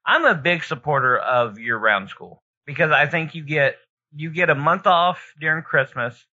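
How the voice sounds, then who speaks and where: A man's voice: a little high, lively intonation, moderate pace, pushed and bright. A man hosting a podcast in a casual, conversational style. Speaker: podcast host. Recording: slightly dull, lo-fi podcast sound.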